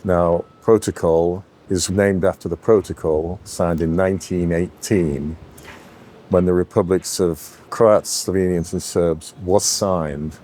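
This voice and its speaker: Middle-aged man, very low voice, lively anecdotal interviewee. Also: takes it slowly. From Yorkshire, England. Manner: animated anecdotal storyteller. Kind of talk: storytelling interview.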